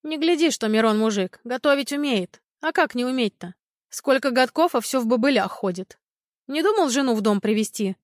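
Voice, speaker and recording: A woman's voice: a little high, expressive, normal speed, no echo, studio quality, lightly acted. Woman doing a sly meddling village granny. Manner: bossy, meddling, scolding. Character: nosy, sly old village grandmother.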